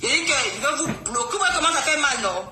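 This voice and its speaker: A woman's voice: high-pitched, animated, fast talker. A woman in a heated live-stream argument, scolding and mocking with lots of repetition. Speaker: live-stream clash participant. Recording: echoey room with loud music.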